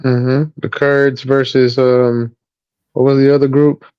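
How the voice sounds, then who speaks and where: A man's voice: mid-range voice, little pitch movement, slow pace, clean tone, no room sound. A man asking blunt questions in casual slang during a live panel chat. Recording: dull lo-fi audio.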